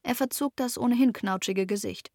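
A woman narrating a children's fantasy story in lively, expressive audiobook style. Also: on the high side, moderate pace, dry recording, studio quality.

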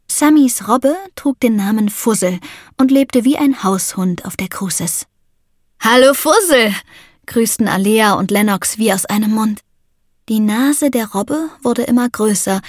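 A woman narrating a children's book in a lively, expressive way. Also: medium pitch, no room sound, clean studio sound. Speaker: audiobook narrator.

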